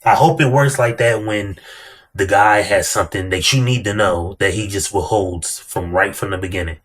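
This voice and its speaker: A man hosts a reaction video in a fairly low voice. He talks casually and bluntly, full of slang, and drives his points home by repeating phrases. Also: moderate pace. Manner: blunt, repetitive emphasis.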